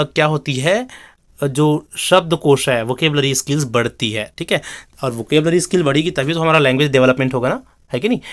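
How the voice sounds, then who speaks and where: A man teaching an exam-prep lecture, explaining in Hindi and reading English definitions out slowly, with frequent check-ins and fillers. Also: on the high side, fairly bright tone.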